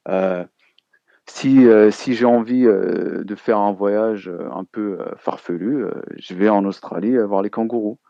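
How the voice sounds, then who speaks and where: Man, host, low gravelly voice, dark tone, hesitant with fillers, dull lo-fi sound. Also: no room sound. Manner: hesitant, many pauses and fillers. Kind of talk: casual live chat.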